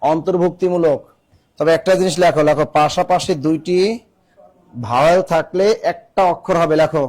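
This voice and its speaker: A man's voice: a little high, fairly even intonation, a little fast, darkish tone. A male teacher giving a classroom lecture, repeating key phrases and quizzing his students. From Bangladesh.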